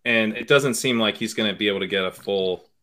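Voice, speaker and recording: Male podcast guest, lowish voice with a bright edge, thinks aloud and hedges a lot. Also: fairly quick. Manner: hedging, many fillers and restarts, trails off quietly. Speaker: podcast guest, fantasy football analyst. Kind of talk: casual analytical chat.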